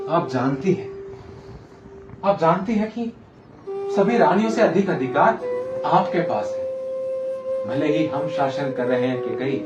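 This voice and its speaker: A man playing a lovesick, anguished emperor in a Ramayana stage monologue, declaiming grandly to his sulking queen and swinging between hushed and loud delivery. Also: on the high side. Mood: pleading, anguished. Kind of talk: theatrical Hindi stage monologue from a Ramayana play. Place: theatre stage, with music behind the voice. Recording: echoey theatre hall, distant mic.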